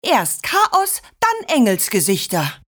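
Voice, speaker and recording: A woman's voice: fairly high pitch, wildly swooping pitch, slow, heavily acted. A woman voicing a mischievous scolding grandma. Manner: mock-stern, then sugary sweet. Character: cheeky scolding grandmother, playful prankster.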